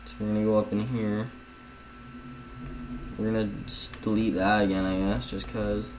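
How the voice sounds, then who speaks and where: A man's voice: lowish voice, little pitch movement, moderate pace, background noise. A young man at home casually talking viewers through a video editing tutorial, rambling and chatty, often calling them guys. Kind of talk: casual screen-recorded tutorial.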